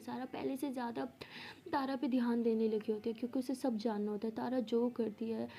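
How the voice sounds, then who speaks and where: A woman storyteller narrates a love story with a soft, mellow tone. Her voice sits fairly high, and she shifts expressively into the voices of her characters. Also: gravelly.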